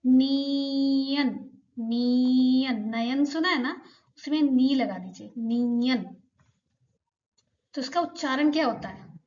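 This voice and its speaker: एक महिला शिक्षिका धैर्य से पाठ समझाती है और हर उच्चारण को धीरे-धीरे दोहराती है।. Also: female voice, sits high, lively intonation, dull audio. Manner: patient, repeats each sound slowly for learners. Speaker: Korean language teacher. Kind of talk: slow explanatory lesson.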